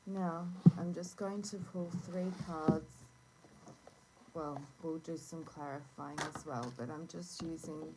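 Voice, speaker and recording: A woman with a low voice and a sore throat leads a casual oracle card reading at a slow pace. She meanders and pauses as she gives gentle instructions. It is recorded on a phone with clearly audible noise. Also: steady tone. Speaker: tarot and oracle card reader hosting a reading. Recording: noisy phone recording with clicks.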